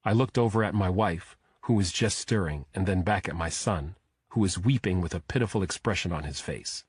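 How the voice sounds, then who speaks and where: Male audiobook narrator, slightly low and husky, measured thriller reading. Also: dry recording, clean studio sound. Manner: steady, measured storytelling.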